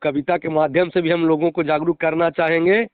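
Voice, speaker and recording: Brisk and flat in delivery, a middle-aged man with a Bihari accent speaks on the high side. He is a schoolteacher making an emphatic, formal argument in a phone interview, heard through a narrow, tinny line.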